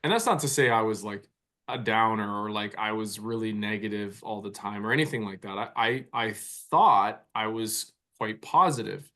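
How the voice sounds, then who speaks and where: This Canadian man in his forties, a mindset coach, appears as a guest on a conversational podcast, musing reflectively and often repeating words mid-thought. He speaks with a lowish, bright voice at a moderate pace and in a forceful tone.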